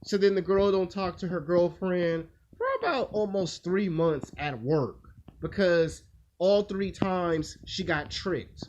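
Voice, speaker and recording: Man, casual monologue, blunt crude storytelling, higher pitch, dull lo-fi recording. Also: darkish tone. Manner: loose rambling delivery with acted-out quotes. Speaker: video host. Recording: dull lo-fi sound with faint noise.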